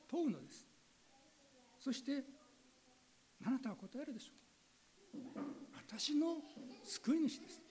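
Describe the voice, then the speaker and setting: A woman's voice: mid-range voice, warm tone, a little hiss or hum, low-quality recording. A woman pastor giving an earnest sermon that asks her listeners direct questions, then leading a spoken prayer.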